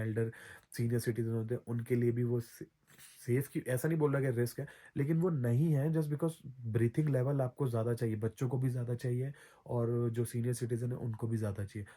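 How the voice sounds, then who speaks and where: A man's voice: mid-range voice, dark tone. A man giving casual travel advice as a vlogger, chatty, often repeating himself and correcting his own slips. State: throat recovering from soreness.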